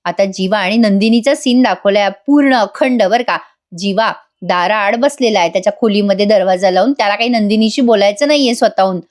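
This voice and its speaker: A woman's voice: mid-range voice, a little mellow. A woman giving a chatty voice-over review of a TV serial episode, talking straight to her viewers in a gossipy way. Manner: gossipy, addresses viewers directly.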